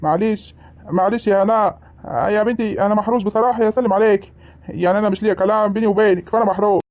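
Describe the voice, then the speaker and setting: A performer voices an elderly village patriarch for a cartoon comedy, with an Egyptian accent. He shrugs off the matter mildly and reluctantly, speaking quickly at an everyday pitch. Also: steady tone, a little mellow, natural voice. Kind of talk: animated comedy voice acting.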